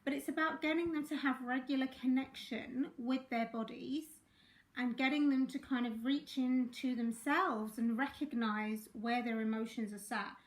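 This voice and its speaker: A woman life coach, hoarse and croaky from a sinus infection, talking chattily to viewers and checking in with them often. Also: high voice, steady tone, normal speed. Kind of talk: live-streamed coaching talk.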